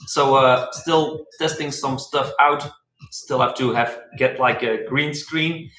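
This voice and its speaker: A man's voice: mid-range voice, steady tone, takes it slowly, pushed and bright. Rambling man live-streaming from an echoey room. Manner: rambling, chuckling, many fillers. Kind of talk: casual live-stream chat. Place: room at home. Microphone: webcam. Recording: echoey room with faint music. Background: faint music.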